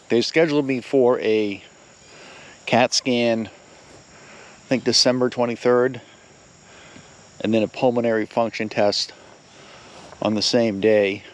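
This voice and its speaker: A middle-aged man, rambling casually and a little out of breath as he films a walk around his rural yard. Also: medium pitch. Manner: rambling, filler-heavy, plain-spoken. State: slightly out of breath. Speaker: vlogger. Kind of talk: casual walking vlog. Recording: faint outdoor noise with crickets.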